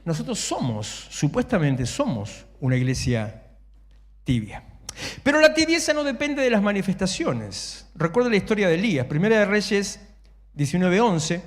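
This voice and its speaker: Rioplatense male pastor, fairly high voice, lively and humorous delivery, long church reverb. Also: normal speed. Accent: Rioplatense Spanish. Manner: animated, humorous, acts out shouting worshippers. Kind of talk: sermon. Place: church sanctuary. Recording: echoey church hall.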